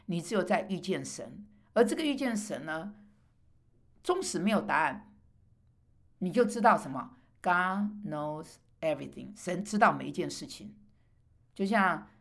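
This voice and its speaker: A middle-aged woman gives a personal sermon in a lowish voice with a gravelly edge. She presses her rhetorical questions upward with emphasis, then slows into halting fillers as she tells her story. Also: fairly bright tone. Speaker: preacher.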